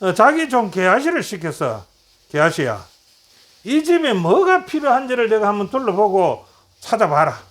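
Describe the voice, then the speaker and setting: A man's voice: sits high, huge pitch swings, moderate pace, a bit bright. A middle-aged man teaching a Bible lesson, retelling stories and acting out quoted lines, asking and answering his own questions.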